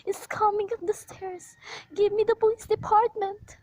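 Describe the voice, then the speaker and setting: A woman's voice: very high-pitched, little pitch movement, moderate pace, dark tone, dry recording, rough recording. A woman playing a frightened bedridden woman alone at night, pleading frantically in an amateur radio play. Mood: panicked. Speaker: invalid caller.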